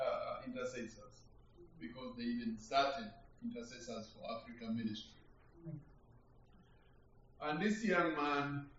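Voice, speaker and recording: A man from Uganda preaching a sermon, slow and reflective, building in emphasis. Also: medium pitch, fairly bright tone, slight background noise. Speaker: guest preacher. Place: church hall. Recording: echoey hall from far off, dull.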